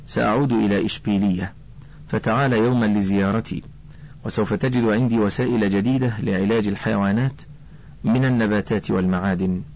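A man voicing an older male botanist scholar, speaking gently and slowly like a kind mentor. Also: lowish voice, fairly even intonation. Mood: kindly. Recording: dull lo-fi recording.

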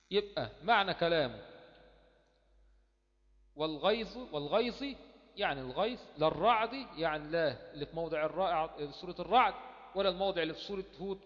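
Egyptian man lecturing in a reverberant hall. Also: on the high side. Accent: Egyptian Arabic. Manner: repeats key words and poses himself rhetorical questions. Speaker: teacher of Quran recitation. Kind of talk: explanatory lecture. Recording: dull lo-fi sound with long hall reverb.

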